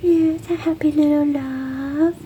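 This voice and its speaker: A woman with a high, slow voice coos gentle baby talk to her cat at home, slipping often into soft whispers. The recording carries a steady noisy hiss behind her. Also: lo-fi sound. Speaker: cat owner.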